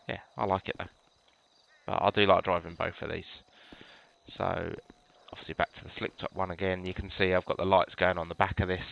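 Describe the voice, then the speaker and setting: A British gamer with a stuffy head cold casually walks viewers through the police cars in a game, rambling with plenty of ums and restarts. His low voice has vocal fry, and the audio sounds dull.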